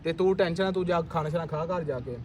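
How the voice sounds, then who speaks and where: A young man with a Pakistani Punjabi accent talks a friend down, quick and high-pitched, pressing the same point again and again. The recording is outdoors in town, with a faint hum of street noise behind him. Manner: persuasive, calming, repeats his point. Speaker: friend giving advice. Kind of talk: staged vlog conversation.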